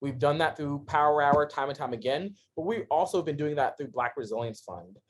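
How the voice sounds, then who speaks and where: A man in his thirties speaks as a guest on a podcast, recorded on a studio microphone. His voice sits slightly high, and he talks with animated, expressive energy, laughing often and then turning quiet and earnest. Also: fairly quick. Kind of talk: animated storytelling in a casual interview.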